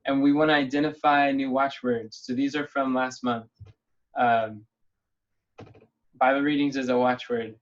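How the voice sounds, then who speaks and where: This man leads a casual planning session on a video call, musing aloud cheerfully and easygoingly, unhurried and pausing often. His pitch is ordinary mid-range; the audio from the call is dull and lo-fi.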